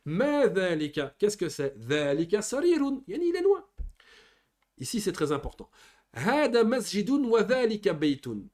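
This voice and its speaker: Guy teaching arabic basics, slightly high voice, bouncy up and down, repeats words slow. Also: very animated, a little mellow. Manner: explains Arabic words slowly in French, repeating and translating. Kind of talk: classroom lesson explaining grammar.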